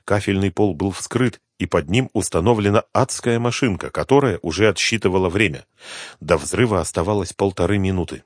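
A man narrating a thriller audiobook in a tense, measured reading on a close microphone. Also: low-pitched, dry recording. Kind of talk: scripted narration.

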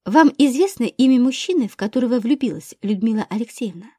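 A woman's voice: on the high side, lively intonation, quick pace, warm tone, husky, no echo, clean studio sound. A woman reading a male police investigator who fires curt, scornful questions in her own voice. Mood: sardonic. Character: sardonic male police investigator, probing and mocking.

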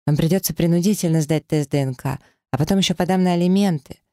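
A man's voice: fairly high pitch, quick pace, warm tone, dry recording, clean studio sound, voice pushed up, natural voice. Man voicing a desperate young woman. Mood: defiant. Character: young woman pleading for her sick niece.

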